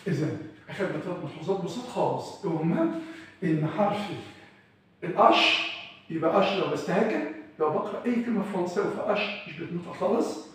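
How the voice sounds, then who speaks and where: High-voiced Egyptian teacher in an echoey room. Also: male voice, expressive, far from the mic. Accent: Egyptian Arabic. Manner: drills words by repeating them slowly; quizzes the class with questions. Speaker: French teacher. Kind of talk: classroom lesson.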